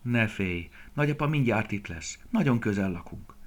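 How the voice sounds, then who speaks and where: A man voicing a kind, eager young schoolboy in a storybook, speaking brightly and sometimes whispering gently. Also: fairly low pitch, lively intonation, close to an everyday voice. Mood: soothing whisper.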